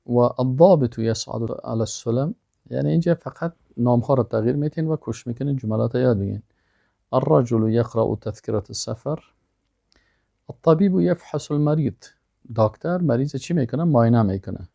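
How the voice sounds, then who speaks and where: Gravelly male teacher. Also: medium pitch, mellow, no room sound, lo-fi sound. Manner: reads out words one by one, then explains in plain everyday speech. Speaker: Arabic teacher. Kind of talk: language lesson with pronunciation drills.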